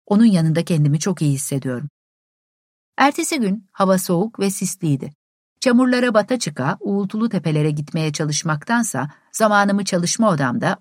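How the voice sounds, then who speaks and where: Brief: calm female audiobook narrator, expressive pitch, dry studio sound. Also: no echo.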